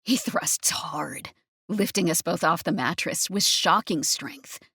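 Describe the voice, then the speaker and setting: A woman narrating a first-person romance audiobook in a breathy, intimate manner. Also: on the low side, takes it slowly, pushed and bright, dry recording, clean studio sound.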